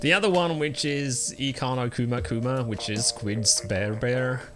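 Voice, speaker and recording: Medium in pitch and a little slow, this man's voice comes through with game music playing behind it. He's live-streaming a video game and talking loosely with his viewers, wandering off on tangents with plenty of ums and uhs.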